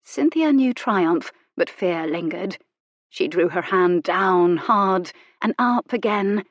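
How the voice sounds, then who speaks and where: A woman narrating a romance novel in an intimate, measured reading. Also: on the low side, lively intonation, no room sound, highs cut off. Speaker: audiobook narrator.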